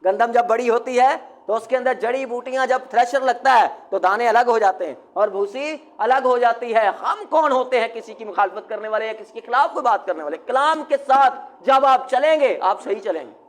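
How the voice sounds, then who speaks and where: High-voiced man preaching a sermon. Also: hardly any pauses. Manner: call-and-response, quizzing the congregation; bursts into shouting. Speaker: pastor.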